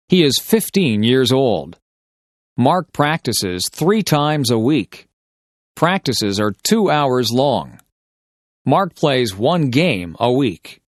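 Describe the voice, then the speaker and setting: A man reading short, simple sentences as dictation for English learners, enunciating each one carefully and deliberately. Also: mid-range voice, no room sound, studio quality.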